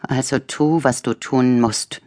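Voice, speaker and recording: A woman voicing the hushed, urgent inner voice of a tormented man in a thriller audiobook. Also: a bass voice, fairly even intonation, takes it slowly. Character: tormented man's guilty inner voice.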